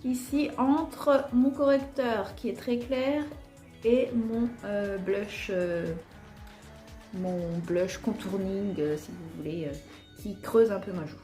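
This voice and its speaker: A woman's voice: medium pitch, takes it slowly, warm tone. Woman, Alsatian accent, casual makeup tutorial, chatty with fillers, echoey room, faint background music. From Alsace, France. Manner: chatty, frequent fillers, talks while applying makeup. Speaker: beauty vlogger.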